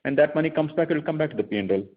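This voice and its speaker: A man's voice: on the high side, expressive, rapid-fire. A man with an Indian accent, a bank executive explaining figures conversationally on a conference call, often rephrasing as he goes. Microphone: phone conference line. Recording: thin phone-line conference audio.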